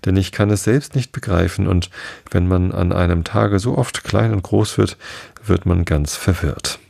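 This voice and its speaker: A man reading the part of Alice, a polite, flustered young girl, a little higher and hesitant, as a calm bedtime storybook reading. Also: unhurried, vocal fry, no echo, heavily acted.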